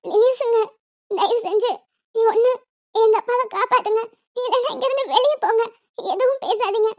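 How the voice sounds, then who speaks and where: A woman's voice: extremely high pitch, normal speed, darkish tone, dry recording. A woman voicing a young wife in a cartoon serial, pleading and tearful for her father. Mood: desperate. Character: young wife, loving and desperate daughter. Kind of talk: Tamil cartoon serial voice acting. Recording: dull lo-fi sound.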